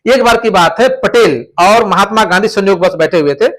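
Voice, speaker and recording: High-voiced male teacher lecturing. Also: normal speed, fairly bright tone. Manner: explains with stories and repeats key terms. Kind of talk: classroom lecture.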